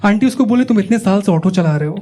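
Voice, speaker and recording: A man's voice: high-pitched, expressive, fast talker, crowd noise. A young man from Uttar Pradesh doing stand-up, telling stories in a chatty way, teasing the audience and acting out the people in them. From Uttar Pradesh, India. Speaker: stand-up comedian. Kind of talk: stand-up comedy storytelling. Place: comedy club stage before a live audience. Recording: live show with audience laughter.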